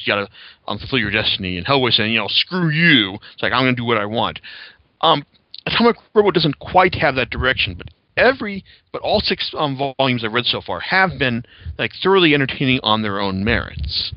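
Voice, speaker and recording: With a medium-pitched voice and no room sound, a man hosts a podcast, chatting loosely and reviewing with rambling enthusiasm and plenty of profanity. The recording has a slightly dull, lo-fi quality.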